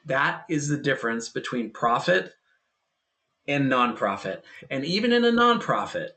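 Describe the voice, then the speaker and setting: A man's voice: medium pitch, very animated, normal speed, sharp tone. Emphatic man with a punchy, repetitive delivery. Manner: emphatic, repeats key phrases, acts out quoted dialogue. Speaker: guest, healthcare and private equity tech leader. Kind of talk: casual podcast conversation.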